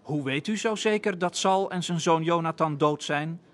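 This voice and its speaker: A man's voice: on the high side, normal speed, natural voice. A man reading as a stern commanding king. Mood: concerned. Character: stern grieving male king.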